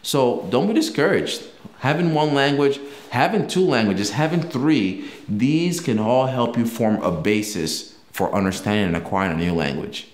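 Talking casually to camera, a young native Yoruba speaker runs a language-learning video, explaining through examples and often restarting. He speaks at medium pitch and normal speed in an echoey room.

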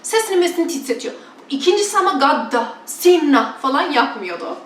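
A woman's voice: high-pitched, very animated, fairly quick, reverberant, recorded from a distance, a little hiss or hum. A woman from Turkey chatting casually and bluntly to her followers, mocking preachers with exaggerated imitations. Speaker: vlogger.

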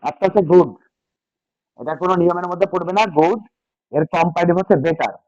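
The voice is high-pitched, slightly mellow and quick, with no echo, as a man teaches his class English grammar. He goes over key points more than once and asks the students questions in call-and-response fashion, and the lo-fi audio sounds dull and dry.

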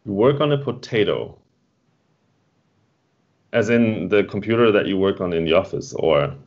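A man's voice: on the low side, expressive, moderate pace. A man co-hosting an online meetup stream, chatting casually and rambling as he reads and answers the chat. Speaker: meetup co-host. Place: home. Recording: dull lo-fi stream audio.

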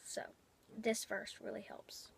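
A young woman giving an unplanned devotional talk on her vlog, rambling and halting in an earnest way. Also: noisy background. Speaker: vlogger.

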